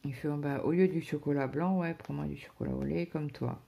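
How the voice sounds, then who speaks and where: A woman's voice: sits low, brisk, vocal fry, warm tone. A woman chatting casually to her viewers about her day, rambling, with many fillers and restarts. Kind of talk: casual personal chat to viewers.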